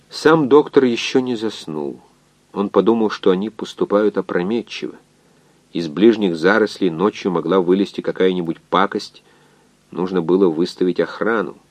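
A man narrating a science fiction novel in an expressive, measured reading. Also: sits low, no echo. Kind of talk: scripted audiobook narration.

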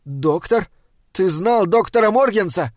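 Man voicing a desperate stubborn young hero, slightly raised pitch, dry sound. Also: animated, unhurried, darkish tone, dry recording. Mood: urgent.

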